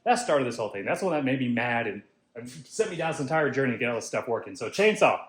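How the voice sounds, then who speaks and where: A man hosting a casual do-it-yourself vlog, talking to himself with excitable, self-mocking energy as he tests his tools. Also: mid-range voice, quick pace, reverberant, slight background noise. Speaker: DIY video host. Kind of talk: casual vlog narration while testing tools.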